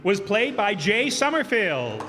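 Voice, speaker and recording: Before an audience in an echoing hall with faint background noise, a high-pitched man thanks cast and crew at curtain call, speaking unhurriedly with big swings in pitch. He's both host and cast member of a community radio theater group, and his speech wanders, full of fillers and corrections of himself.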